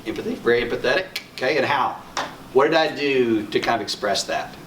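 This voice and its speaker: A middle-aged man from Arkansas, speaking with that state's accent at a medium pitch and slightly quick pace, runs a conference workshop as an instructor. He chats with the audience, asking questions and repeating their answers back. The mic sits at a distance in a roomy conference room, with faint background noise.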